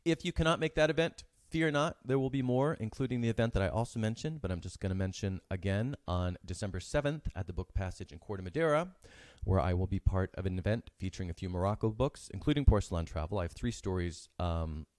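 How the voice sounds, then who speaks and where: Male podcast host, low voice, friendly rambling sign-off, dry booth sound. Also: fast talker, darkish tone, no room sound. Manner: chatty, upbeat, self-interrupting with fillers. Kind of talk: casual live-stream sign-off.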